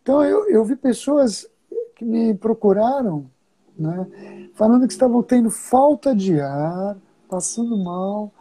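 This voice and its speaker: Mellow-voiced Brazilian woman telling stories. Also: a little high, animated, breathy edge, poor audio. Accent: Brazilian Portuguese. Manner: storytelling, chuckles often, drawn-out pauses. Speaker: Buddhist teacher (lama). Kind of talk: casual conversation.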